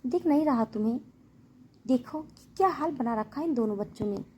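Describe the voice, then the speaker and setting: Lady doing a bossy angry big sister in a storybook, shrill and high, snapping at the kids. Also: expressive, normal speed, darkish tone, slight background noise. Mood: irritated. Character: stern angry older sister scolding.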